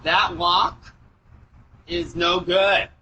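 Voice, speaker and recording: Very slow, halting man on doorbell speaker. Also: high voice, fairly even intonation, pushed and bright. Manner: hesitant, halting, repeating words. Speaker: visitor speaking at a doorbell camera. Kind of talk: halting unscripted doorbell camera talk. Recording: noisy outdoor doorbell camera audio.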